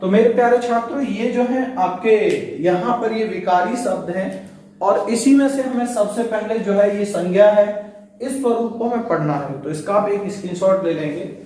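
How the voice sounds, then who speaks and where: A man's voice: sits high, normal speed, mellow. A man teaching a Hindi grammar lesson to students, explaining step by step and speaking to them directly. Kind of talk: online exam-prep lesson. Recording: very echoey room, voice slightly far from mic.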